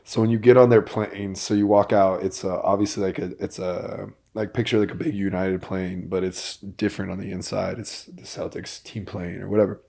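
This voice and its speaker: A man hosting a podcast, telling a story in an animated way that builds to excited bursts. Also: low-pitched, normal speed, creaky, hardly any pauses. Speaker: podcast host. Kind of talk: casual chat.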